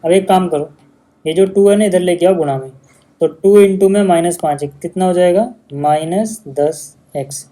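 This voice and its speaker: A man's voice: high voice, normal speed, dark tone. A male maths teacher, patiently explaining steps in a casual lesson video.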